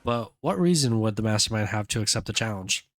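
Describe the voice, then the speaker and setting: A man's voice: on the low side, expressive, a little fast, a bit bright, no room sound. Man reading game dialogue aloud, music behind. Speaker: let's player doing commentary and reading game dialogue. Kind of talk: game playthrough reading with casual commentary. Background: game music and short character voice clips.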